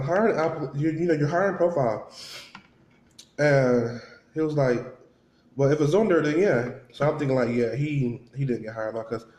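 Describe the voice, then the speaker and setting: A man's voice: fairly high pitch, darkish tone. A man telling a casual story to viewers while eating, chewing between phrases and acting out what people said in a conversational way. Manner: conversational, acts out reported dialogue, repeats for emphasis. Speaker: vlogger. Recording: roomy, echoing sound.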